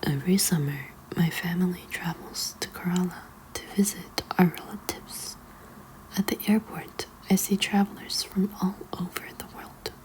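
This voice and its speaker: A woman reads a children's book aloud as ASMR in a hushed, librarian-like whisper. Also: fairly low pitch, moderate pace, poor audio. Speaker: ASMR reader.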